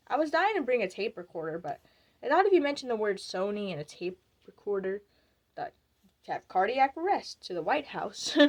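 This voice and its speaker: A wry, sharp-tongued young former beauty queen, played by a woman in a stage monologue recounts her reign with dry, defiant humor. Her storytelling voice stays conversational and pointed, briefly mimicking the people she quotes. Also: medium pitch, close to an everyday voice. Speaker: actor performing a monologue. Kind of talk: theatrical monologue.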